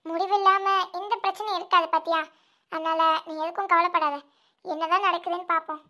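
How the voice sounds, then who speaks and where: A woman's voice: very high voice, fairly even intonation, fairly quick, sharp tone. Woman voicing a soothing young female friend. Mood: reassuring. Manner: soothing, reassuring. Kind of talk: amateur audio drama.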